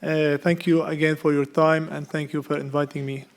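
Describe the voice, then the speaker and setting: Higher-voiced man wrapping up a talk. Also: little pitch movement, heavy background noise. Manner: hurried, apologetic, with fillers. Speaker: artist and filmmaker presenting. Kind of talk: presentation talk.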